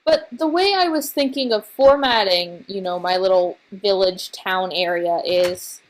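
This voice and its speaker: A tired woman talks her way slowly through a building game, still recovering from being sick. She rambles in a halting way, trailing off and picking her thoughts back up. Her pitch sits in an ordinary middle range. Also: poor audio. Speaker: let's play host. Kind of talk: casual gameplay commentary.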